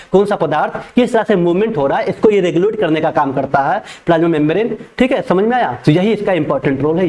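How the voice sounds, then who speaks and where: High-voiced male teacher. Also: darkish tone. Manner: repeats each point in Hindi and English, reads English lines slowly. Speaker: pharmacy teacher. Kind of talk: exam-prep lecture.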